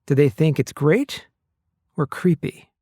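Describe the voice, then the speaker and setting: A man hosting a podcast, reading scripted narration in a measured way. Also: on the high side, dark tone, breathy edge, no room sound, studio quality. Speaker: podcast host.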